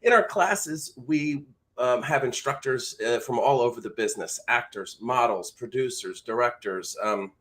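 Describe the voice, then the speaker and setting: A man with a mid-range, fairly bright voice hosts an informal instructional live show at a moderate pace. He talks straight to the camera, explaining things to the listener the way a teacher would.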